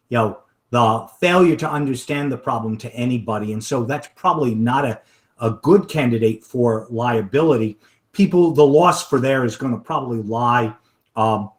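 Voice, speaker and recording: A man giving an online talk and then answering audience questions from the chat, with frequent fillers and restarts. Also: mid-range voice. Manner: halting, many fillers and restarts. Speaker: webinar presenter. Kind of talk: lecture with audience Q&A.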